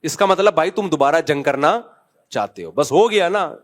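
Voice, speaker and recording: A man's voice: fairly high pitch, expressive. A middle-aged man, a mufti answering questions from the public in a conversational, scolding manner with joking asides. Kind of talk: public Q&A talk.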